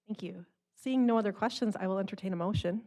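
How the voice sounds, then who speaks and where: A woman chairing a city council meeting, calling motions and votes in a brisk procedural way. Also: medium pitch, mellow. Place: council chamber.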